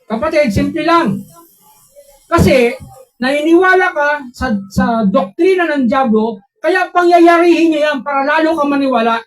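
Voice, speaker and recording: A man preaching a sermon as a pastor, telling personal stories in an animated way and putting questions to his listeners. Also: very high-pitched, normal speed, soft background music, poor audio. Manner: animated storytelling, voices quotes, asks listeners questions.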